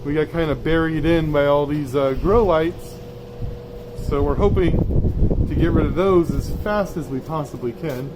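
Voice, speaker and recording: A man's voice: fairly high pitch, a little slow, noisy background. A plain-spoken man giving a casual, off-the-cuff sales tour of stock while walking through a warehouse. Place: indoors in a cluttered warehouse, walking.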